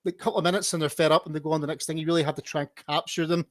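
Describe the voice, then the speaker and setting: A man hosting a relaxed live podcast chat, his voice sitting a bit higher than most men's. He sounds chatty and encouraging and often stumbles over repeated words. The sound is close and dry, with no room around it. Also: rapid-fire, no echo. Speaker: podcast host. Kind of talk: casual live-stream interview.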